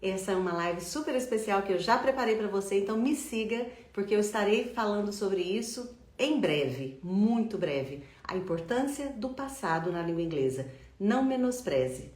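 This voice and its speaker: A woman teaching English pronunciation, drawing words out slowly and asking the listener to repeat after her. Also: medium pitch, expressive, darkish tone. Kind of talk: slow, emphatic language lesson. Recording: echoey room.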